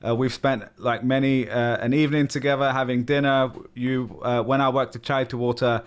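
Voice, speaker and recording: A man's voice: mid-range voice, steady tone, moderate pace, smooth. A man with an American accent hosting a podcast interview, chatty and friendly, with frequent um and you know. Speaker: podcast host.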